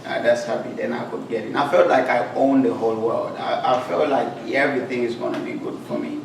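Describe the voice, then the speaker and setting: A man's voice: mid-range voice, fairly even intonation, a little fast, gravelly. A man from Uganda, a guest speaker telling his life story in an earnest, plain-spoken way. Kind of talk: personal life story talk. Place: club meeting room. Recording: echoey hall, far from mic, noisy.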